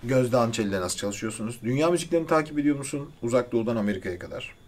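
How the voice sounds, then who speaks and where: A man's voice: medium pitch, lively intonation, rapid-fire, darkish tone. A man hosting an interview, reading out questions in a playful, joking way. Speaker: interviewer, host. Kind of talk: casual interview. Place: studio.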